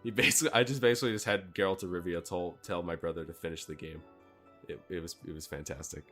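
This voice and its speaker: Man, deep voice, podcast co-host, halting, faint music behind. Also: steady tone, fairly bright tone. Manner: halting, stammering starts. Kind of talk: casual podcast chat.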